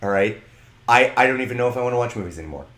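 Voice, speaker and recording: A man co-hosting a podcast, talking in an excitable, animated way with many restarts. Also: medium pitch, racing, echoey room. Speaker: podcast co-host. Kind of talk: casual chat.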